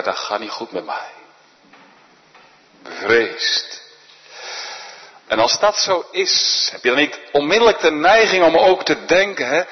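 A man preaching a sermon in a solemn, earnest manner, often dropping to a hushed voice. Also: fairly high pitch. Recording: dull echoey church recording.

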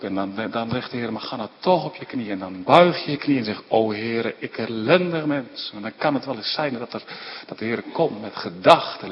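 A man preaching a sermon, moving between hushed slow passages and loud impassioned climaxes. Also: medium pitch. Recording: dull recording in a reverberant church with faint hiss.

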